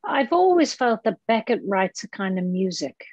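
A woman's voice: medium pitch, very animated, normal speed, darkish tone, no echo, muffled recording. A woman actor talking as a podcast guest, reflective and searching for her words as she explains her craft. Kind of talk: conversational interview.

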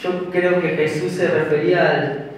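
A man's voice: a little high, flat delivery, measured pace, a little hiss or hum. A young man with a Paraguayan Spanish accent preaching a sermon in a small church hall, speaking into a handheld mic at a pulpit and often restarting his phrases as he explains. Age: young adult. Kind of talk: sermon with prayer. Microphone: handheld mic at a pulpit, filmed from far. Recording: very echoey hall from far off.

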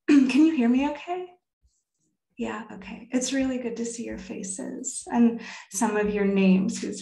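A woman in her thirties, a poet, reads her work and makes casual remarks over a video call from a room in her home. Her voice is medium-pitched, warm and creaky. The computer mic picks up a roomy, echoey sound.

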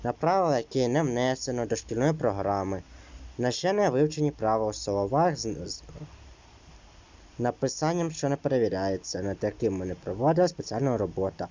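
A man's voice: mid-range voice, animated, fairly quick, warm tone, dull audio. A man teaching an exam-prep lesson, reading out rules and then explaining them loosely, with many fillers.

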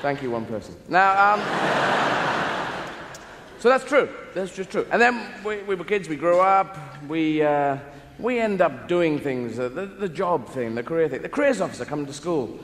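A man in his thirties performs rambling, playful stand-up in a large theatre, slipping into different voices. His expressive voice is on the high side and a bit bright, at a moderate pace, with audience laughter echoing through the live recording.

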